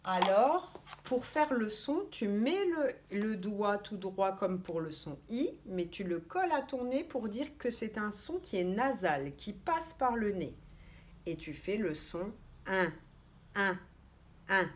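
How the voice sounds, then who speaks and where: Female preschool teacher, slow and very melodic delivery, carefully sounding out letters for little ones. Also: medium pitch, sing-song. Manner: gently instructive, addressing children directly. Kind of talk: teaching young children remotely.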